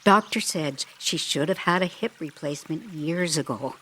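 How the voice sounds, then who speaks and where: A woman's voice: deep voice, normal speed, fairly bright tone, a little hiss or hum. A woman speaking earnestly about a family matter, sounding incredulous. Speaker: daughter recounting events.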